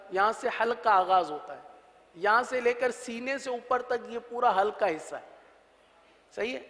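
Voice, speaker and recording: With a very high-pitched, fairly bright voice, a man patiently guides students through Quran pronunciation. He explains step by step, drilling letter sounds through call-and-repeat exercises, and the hall adds long reverb.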